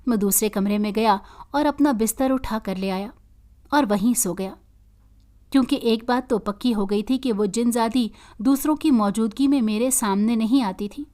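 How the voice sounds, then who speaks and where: Woman storyteller, earnest, steady reading, fairly high voice. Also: normal speed. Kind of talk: scripted story narration.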